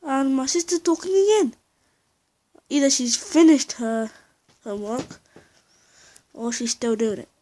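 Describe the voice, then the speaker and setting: A woman with a slightly high voice talks her way through a flight sim session at home. She rambles in a chatty, offhand way, reading out numbers and thinking aloud as she goes. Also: measured pace, pauses often, warm tone. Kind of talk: casual gameplay commentary. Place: at home, indoors.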